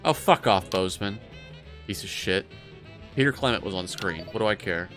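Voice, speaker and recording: Brief: man, let's-play commentator, low-ish voice, rambly and sweary. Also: animated, normal speed, a bit bright, soft background music. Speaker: gameplay commentator.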